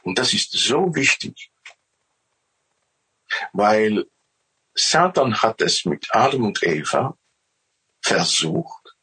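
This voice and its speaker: A man's voice: fairly low pitch, sing-song, slow, pauses often, bright, forceful tone, husky, rough recording. A male preacher delivering a sermon in an emphatic, storytelling way, often repeating his words.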